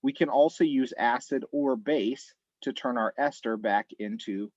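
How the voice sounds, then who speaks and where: A man teaching an online chemistry class, explaining step by step in a relaxed way, thinking aloud. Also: mid-range voice, measured pace, no echo, dull audio.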